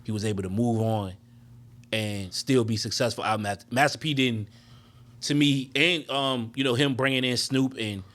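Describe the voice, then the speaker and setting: A man co-hosting a podcast, giving deliberate opinions in a casual debate. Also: medium pitch, a bit bright. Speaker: podcast co-host.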